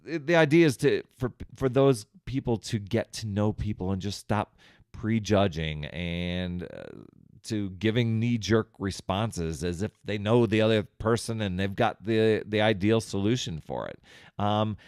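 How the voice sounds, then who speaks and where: A man hosts a self-help podcast, coaching and encouraging as he speaks conversationally straight to the listener. His fairly low voice is a little mellow, with lively intonation and a moderate pace. The audio is clean studio sound with no echo.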